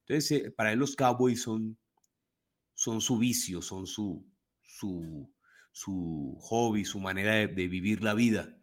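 Speaking slowly in a fairly low voice, this Colombian Spanish-accented co-host talks sports casually on a podcast. He's animated and frequently starts his sentences over.

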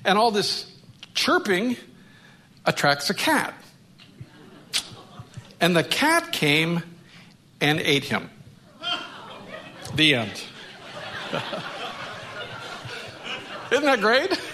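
A man preaching a sermon, telling a humorous story in an animated way. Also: sits high, drawn-out words, pauses often. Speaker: pastor.

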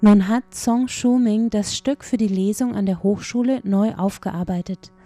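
A woman's voice: medium pitch, measured pace, warm tone, faint music behind. A woman reading a scripted cultural report as a radio reporter.

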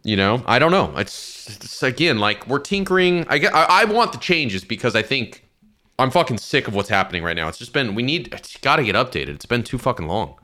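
A man's voice: mid-range voice, sing-song, a little fast, sharp tone. A man co-hosting a gaming podcast, talking casually and hesitantly and swearing freely. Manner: wavering and self-doubting, swears casually. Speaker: podcast co-host.

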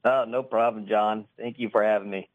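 A man's voice: fairly low pitch, fairly even intonation, normal speed. A man chatting casually as a radio show guest, telling stories over a phone line. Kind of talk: casual chat, storytelling. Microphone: phone call.

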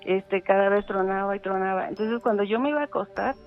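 Halting woman on a tinny phone. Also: medium pitch, faint music behind. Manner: halting, many fillers. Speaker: caller telling a ghost story. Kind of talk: casual phone storytelling.

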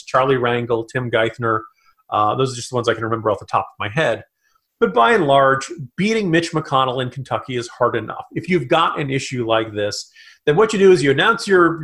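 Gravelly man talking politics fast. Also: a little high, a bit bright. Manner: rapid, analytical, with frequent restarts. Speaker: political commentator guest. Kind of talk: casual political chat.

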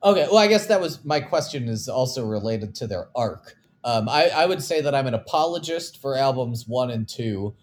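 A man's voice: mid-range voice, animated, normal speed, hardly any pauses. A man in casual podcast chat, talking in long, wordy stretches and poking fun at himself. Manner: wordy, self-deprecating. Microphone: video call, camera off.

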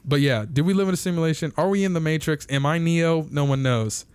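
Rambling laughing young podcast host, dry sound. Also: male voice, on the high side, quick pace, darkish tone, smooth, no echo. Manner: rambling, laughs often, swears casually. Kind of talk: casual podcast chat.

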